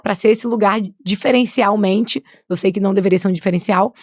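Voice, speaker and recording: A woman's voice: mid-range voice, a little fast, no room sound, studio quality. A woman, chatting as a guest on a podcast, tagging her sentences with "né?". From Rio de Janeiro state, Brazil. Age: 20s. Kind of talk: casual podcast conversation.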